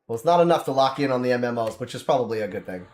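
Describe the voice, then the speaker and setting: A man's voice: medium pitch, lively intonation, rapid-fire, echoey room. A man casually chatting while streaming a game, rambling and laughing often as he plays.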